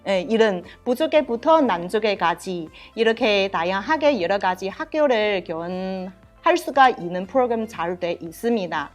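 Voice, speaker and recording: Chinese woman speaking halting accented Korean. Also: medium pitch, animated, soft background music. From China. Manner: halting non-native Korean with frequent fillers. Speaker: professor, head of a university Chinese department. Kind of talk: question-and-answer interview.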